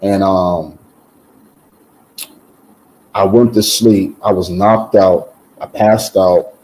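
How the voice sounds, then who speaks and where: A man giving a casual, animated personal testimony, repeating words and filling pauses with "um". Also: sits low, poor audio.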